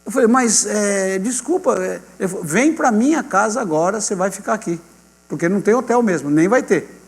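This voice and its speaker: A pastor with a Brazilian Portuguese accent speaks fairly quickly as he recounts a testimony, playing every character in lively turns and addressing the crowd as "gente." His high-for-a-man voice rings through a long hall reverb, with a faint mains hum underneath.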